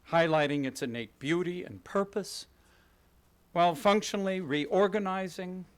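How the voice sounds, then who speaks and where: A middle-aged man from Kansas City giving a prepared talk at a podium in an event hall, gracious and self-deprecating, telling stories in a polished way. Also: on the high side. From Kansas City, USA. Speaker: guest speaker, interior designer. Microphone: podium microphone.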